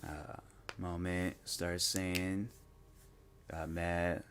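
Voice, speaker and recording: Slangy, animated male gaming streamer. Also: low-pitched, very slow. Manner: rambling storytelling, slangy, animated, mock-quotes people. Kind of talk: casual chat while streaming a game.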